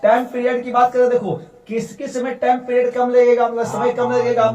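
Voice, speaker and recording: High-voiced teacher in an echoey classroom. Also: male voice, monotone, a little fast, a crowd in the background. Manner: patient, repeats sounds aloud for students. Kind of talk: classroom grammar lesson. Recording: echoey classroom, distant mic.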